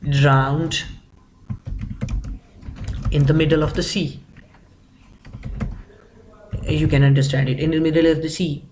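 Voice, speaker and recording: A man's voice: on the high side, darkish tone, slight background noise, rough recording. A man giving an explanatory grammar lecture, methodically working through examples and repeating phrases. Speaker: English grammar teacher.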